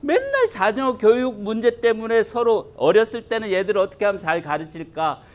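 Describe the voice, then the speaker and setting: Male pastor, high voice, preaching with emphatic rhetorical questions. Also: very animated, normal speed. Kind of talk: sermon.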